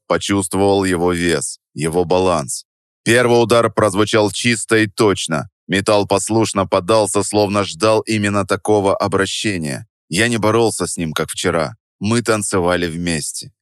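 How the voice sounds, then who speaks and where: A male audiobook narrator telling a first-person story in an even, steady manner. His voice is fairly low, and the recording is dry and close, with no room sound. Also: clear, resonant tone, no room sound.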